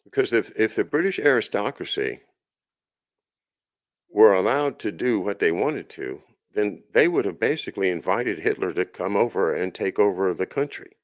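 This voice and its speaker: Deep-voiced male host, loose rambling monologue, lots of restarts. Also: big pitch swings, normal speed. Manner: rambling, with many restarts and asides. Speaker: podcast host. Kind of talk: casual monologue.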